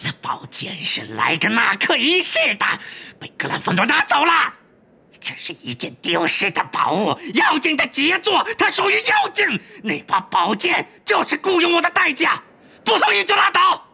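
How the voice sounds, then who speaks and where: A man voicing a proud, bitter goblin with a gravelly, husky voice, slow and cold, flaring into shouts. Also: medium pitch, big pitch swings, full character voice. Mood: furious. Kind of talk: audiobook character voice.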